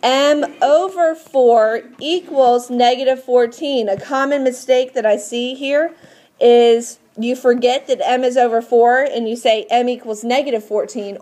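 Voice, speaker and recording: Patient woman teacher, higher-pitched voice. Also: darkish tone. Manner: patient, instructive, checks understanding with questions. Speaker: math teacher. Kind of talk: classroom lesson, explaining step by step.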